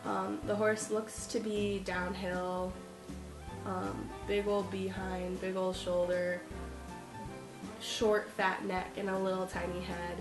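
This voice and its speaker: A woman's voice: mid-range voice, level tone, takes it slowly. Stuffy-nosed woman vlogging in an echoey room. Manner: chatty, rambling with frequent ums and likes. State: stuffy nose from a cold. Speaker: horse vlogger. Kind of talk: casual vlog. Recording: echoey room with music behind. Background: music playing.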